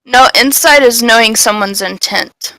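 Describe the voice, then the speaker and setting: A woman's voice: fairly high pitch, a little slow, pushed and bright, poor audio. A woman playing in a tabletop game, chatting casually and asking about the rules. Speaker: player.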